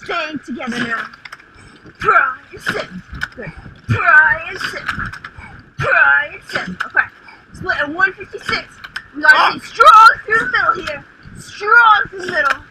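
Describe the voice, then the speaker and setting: A young woman coxswain in a rowing shell, calling clipped, rhythmic stroke commands through the boat speaker, building to urgent shouts on the power pushes. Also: very high-pitched, expressive, unhurried. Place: outdoors on the water in a rowing shell. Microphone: coxswain headset mic. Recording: noisy outdoor coxswain headset recording.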